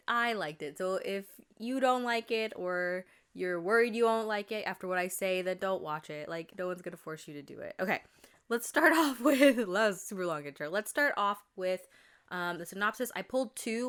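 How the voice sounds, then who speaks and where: A young woman with a clear, resonant, mid-range voice that's a bit bright hosts a casual podcast. She rambles chattily, full of fillers and self-corrections, sounding a little congested and tired.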